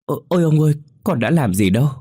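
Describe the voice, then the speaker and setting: A man's voice: a little high, expressive, quick pace, warm tone, husky, pitched above the performer's own voice. A man voicing a frightened young male student who stammers and pleads in panic. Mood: terrified.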